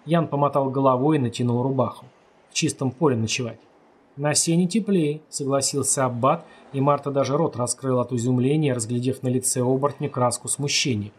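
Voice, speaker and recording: A man reading a story aloud as narrator, steady and measured, lightly voicing the characters' lines. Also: mid-range voice, breathy edge. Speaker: audiobook narrator. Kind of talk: scripted narration.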